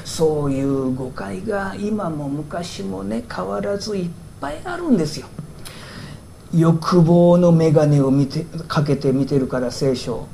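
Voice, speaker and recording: A man's voice: on the high side, lively intonation, a little slow, creaky, mellow, slight background noise. A male pastor giving a conversational sermon, explaining with rhetorical questions and asides.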